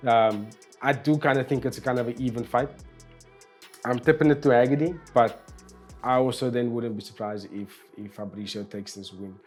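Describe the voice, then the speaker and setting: A man's voice: mid-range voice, steady tone, moderate pace, soft background music. A man hosting a casual fight preview, talking loosely with frequent restarts and repeated words. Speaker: host.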